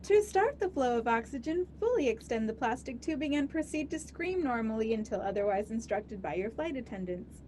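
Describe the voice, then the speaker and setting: A sharp-tongued flight attendant, played by a woman, talks in a fairly high voice and needles the passengers with cheeky asides. Faint background noise sits under her voice. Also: sing-song, brisk, few pauses. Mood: mocking. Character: sassy wisecracking female flight attendant. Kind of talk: comedy sketch acting.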